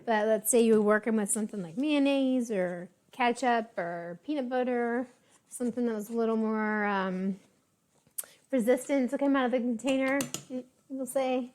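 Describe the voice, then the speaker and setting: A woman casually demonstrating a baking recipe, chatty and relaxed with frequent ums and little asides. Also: fairly high pitch, normal speed. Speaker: home baking instructor.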